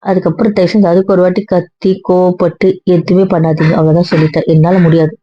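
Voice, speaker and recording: A woman's voice: lowish voice, flat delivery, fast talker, close to an everyday voice. A woman playing a stubborn, pleading young wife. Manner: earnest, repetitive pleading. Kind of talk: hobby audio drama. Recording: dull dry lo-fi sound.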